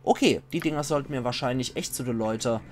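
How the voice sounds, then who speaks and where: A man with a Palatinate German accent, reading a game's book texts aloud in a measured voice and adding casual asides. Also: medium pitch. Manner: measured reading voice, slows for foreign titles. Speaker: let's play commentator.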